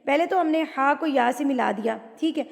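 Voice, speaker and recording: A woman teaching a Quran recitation lesson, explaining rules patiently and chanting words in long drawn-out tones. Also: high voice, creaky. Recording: long hall reverb.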